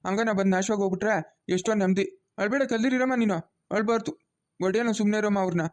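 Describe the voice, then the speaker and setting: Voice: mid-range voice, steady tone, fast, natural voice. A cartoon voice of a stern, protective middle-aged village father, lecturing bluntly.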